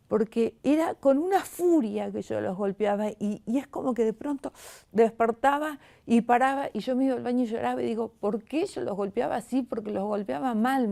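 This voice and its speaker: A middle-aged woman with a Rioplatense Spanish accent, appearing as an interview guest, gives an emotional personal testimony. She speaks haltingly, often restarting her sentences, in a mid-range voice that is gravelly yet mellow.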